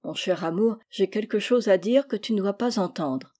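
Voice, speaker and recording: A woman reading as a gentle doting mother. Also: medium pitch, normal speed, lightly acted. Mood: tender. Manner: tender and indulgent.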